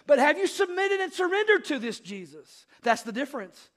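A male pastor giving an earnest sermon, rising to loud appeals and dropping to hushed asides. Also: very high-pitched, very animated, moderate pace.

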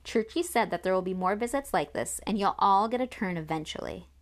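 A woman voicing a kindly father of several daughters in an audiobook, speaking calmly and evenly. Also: mid-range voice, a little fast, close to an everyday voice. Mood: reasonable. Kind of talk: audiobook character reading.

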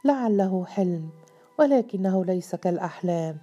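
A woman's voice: fairly low pitch, fairly quick, highs cut off, natural voice. A woman reading the part of a lovesick young man, hesitant and troubled, in a storybook tale. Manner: hesitant, sharp at times.

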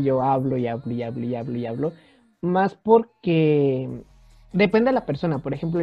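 A young man, co-hosting a podcast in casual chat, animated and often mimicking others in high voices. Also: dry recording. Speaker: podcast co-host. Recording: slightly dull lo-fi sound, faint music.

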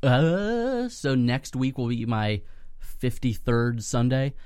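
A man's voice: medium pitch, sing-song, slow, a little mellow, smooth, no room sound, studio quality. A man co-hosting a podcast in casual chat, with a joking, teasing manner. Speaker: podcast co-host and pastor.

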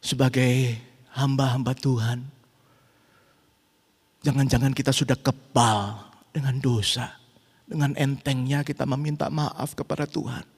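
A middle-aged man preaching a sermon as pastor, swinging between loud urgent rhetorical questions and quiet, intimate reflection. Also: medium pitch, steady tone, measured pace, pauses often, breathy edge. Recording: long hall reverb.

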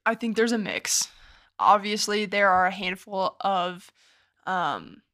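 A woman's voice: medium pitch, expressive, slow, sharp tone. A young woman co-hosting a podcast, answering thoughtfully in casual chat, with short reactions. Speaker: podcast co-host.

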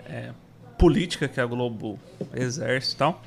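A man from Brazil in casual chat, relaxed and opinionated as he tells stories. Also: medium pitch, measured pace, vocal fry.

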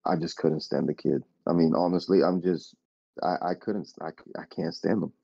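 A man's voice: low-pitched, normal speed, creaky, husky, no echo, muffled recording. A man telling a story in casual podcast chat, acting out the dialogue and swearing freely. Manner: animated retelling with quoted dialogue, swearing. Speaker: podcast guest.

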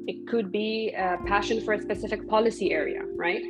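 A woman from Poland, a recruitment professional, answering interview questions in a measured, thoughtful way with frequent ums. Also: mid-range voice, loud music behind the voice, poor audio.

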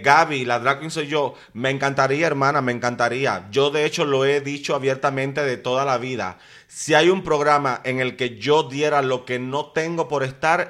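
A man's voice: mid-range voice, fairly bright tone. A man, hosting a podcast and gossiping about a reality show in a chatty, dramatic way, full of slang. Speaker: podcast host. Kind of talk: casual gossip commentary.

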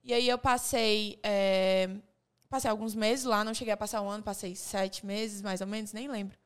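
A young woman co-hosting a casual podcast, telling her story with lively quoted dialogue and repeated restarts. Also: medium pitch, moderate pace, clear, resonant tone. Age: young adult. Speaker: podcast co-host. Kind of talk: casual chat among friends.

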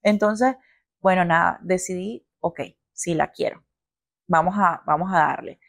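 A young woman, co-hosting a podcast and telling a personal story in a lively, slangy, frank way. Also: lowish voice, unhurried, vocal fry, dry recording, clean studio sound. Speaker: podcast co-host. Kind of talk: casual chat.

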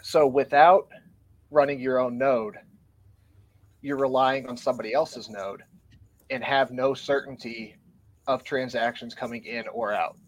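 Somewhat breathless, a man appearing on a podcast earnestly lays out his perspective in relaxed conversation, leaning on his show notes. He talks a little slowly in a steady, mid-range voice, leaving long pauses, and there's no echo.

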